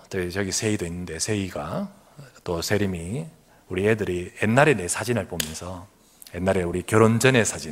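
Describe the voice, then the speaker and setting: A middle-aged pastor with a lowish, husky voice preaches a sermon in a church sanctuary. Laughing as he goes, he tells animated stories and acts out the voices of the people in them.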